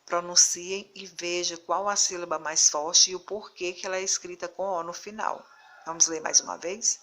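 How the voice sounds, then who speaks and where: A woman teacher giving a recorded video lesson, reading word lists slowly and deliberately and stressing syllables. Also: fairly low pitch, fairly even intonation, sharp tone, slight background noise.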